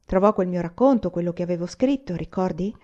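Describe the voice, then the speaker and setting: A woman reading the part of an earnest grown revolutionary man in an audiobook, brisk and plain. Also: on the low side, mellow, highs cut off, lightly acted.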